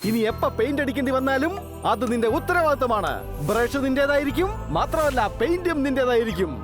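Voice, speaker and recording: A woman's voice: high-pitched, animated, fast. A woman voicing a clever, bossy male parrot in a cartoon dub, lecturing his friends. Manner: know-it-all lecturing. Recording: music behind.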